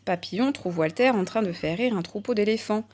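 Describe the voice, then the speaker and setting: A woman narrating a children's storybook in a calm, even manner. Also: mid-range voice, a little fast.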